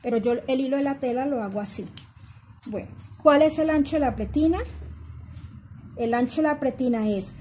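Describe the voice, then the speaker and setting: A middle-aged woman with a high-sitting voice leads a sewing pattern-making lesson at normal speed, leaving long pauses over a faint hiss or hum. She explains every step patiently, repeats the measurements, and warmly calls her students "my girls."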